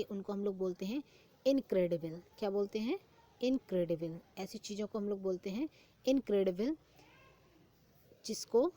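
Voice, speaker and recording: A young woman teaching an exam-prep vocabulary lesson, reading each English phrase slowly and explaining it in Hindi, often repeating the answer as a question. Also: medium pitch, mellow.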